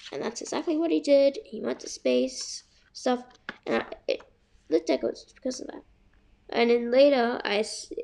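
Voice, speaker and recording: High, gravelly young female book reader. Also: darkish tone. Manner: chatty, stumbling over words while reading aloud. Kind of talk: casual book reading.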